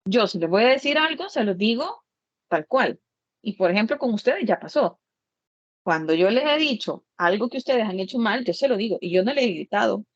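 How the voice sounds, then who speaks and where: A woman's voice: medium pitch, animated, normal speed, no echo, dull audio. A woman architect lecturing her students in a plain-spoken way, repeating each point with everyday examples.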